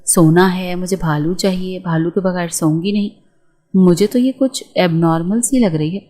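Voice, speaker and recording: A woman's voice: lowish voice, dark tone, close to an everyday voice. Woman reading as an exasperated young husband. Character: young husband, mature-minded, baffled and impatient.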